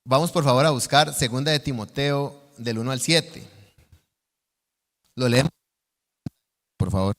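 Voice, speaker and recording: Costa Rican male preacher, mid-pitched, earnest teaching sermon, church hall reverb. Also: a little slow, long pauses, a bit bright. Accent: Costa Rican Spanish. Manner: earnest, teaching, asks the congregation questions. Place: church sanctuary.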